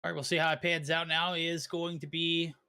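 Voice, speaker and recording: A man co-casting an online esports match in a bright, forceful voice that sits a little high. He keeps things upbeat, jokes around and hypes up the players. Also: level tone, fairly quick, smooth. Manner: upbeat, hype-driven and joking. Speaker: esports caster. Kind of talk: play-by-play commentary.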